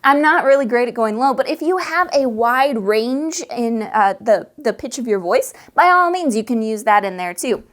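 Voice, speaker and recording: A woman hosting a casual how-to video on tabletop games, chatty and animated. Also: moderate pace, few pauses. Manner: chatty, animated, demonstrates voices by shifting pace and pitch. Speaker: tabletop game advice host.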